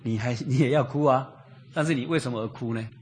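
A man delivering a Bible sermon in a homely, talkative manner, looping back over his words and tossing rhetorical questions to the listeners. His voice sits at an ordinary middle pitch, with a faint hiss behind it. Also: darkish tone. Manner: conversational, repetitive, many drawn-out fillers and rhetorical questions. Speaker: preacher.

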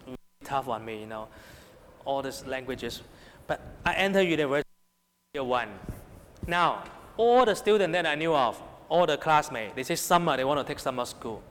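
A man's voice: medium pitch, animated, normal speed, a bit bright, slight background noise. A man with a Hong Kong Cantonese accent preaching a sermon to young people, emphatic, often raising and dropping his voice and checking in with rhetorical questions. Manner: rhetorical questions, repeated check-ins with listeners. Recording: long hall reverb.

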